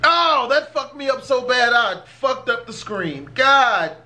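A man's voice: extremely high pitch, very animated, slow pace, pushed and bright. A man hosting a casual reaction video, rambling and swearing freely as he talks. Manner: rambling, profane, easily set off. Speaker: YouTube reaction host.

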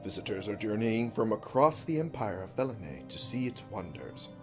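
A man giving casual, informal gameplay commentary as a host, thinking out loud, reading on-screen text and swearing freely. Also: lowish voice, very animated, normal speed, over music. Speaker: video game let's-play host.

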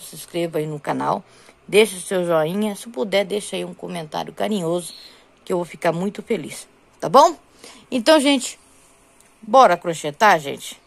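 A middle-aged woman from Brazil talks her viewers through her crochet work in a relaxed home vlog. Her voice sits low and has a gravelly fry, and she keeps turning to her audience with little check-ins as she counts rows aloud. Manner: chatty, repeats "gente" and "tá bom" constantly. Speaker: crochet vlogger. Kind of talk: casual crochet vlog chat.

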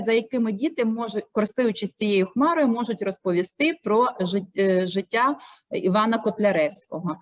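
A woman teacher with a Ukrainian accent, explaining teaching methods with frequent hesitations. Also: a little high.

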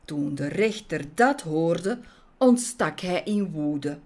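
Woman reading a bedtime story, expressive, very lively melody, slow unhurried pace. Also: fairly low pitch. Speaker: children's story reader. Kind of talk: reading a children's story aloud.

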